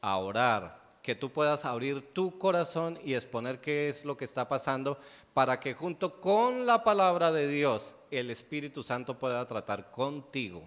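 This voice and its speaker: A man's voice: mid-range voice, expressive, moderate pace, a bit bright. Preaching man in a reverberant church. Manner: asks the congregation rhetorical questions, answers them himself. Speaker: pastor. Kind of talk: sermon. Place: church sanctuary. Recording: long church hall reverb.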